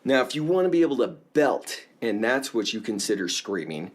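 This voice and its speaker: A man teaching a casual singing lesson, explaining in a relaxed way and often checking in with the viewer. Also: mid-range voice, moderate pace.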